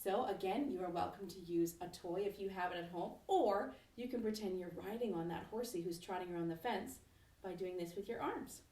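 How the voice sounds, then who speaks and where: A woman music teacher leading a children's lesson at home, speaking gently and encouragingly and singing slow, simple verses. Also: lowish voice. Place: home, kitchen nearby. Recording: roomy echo from a distance.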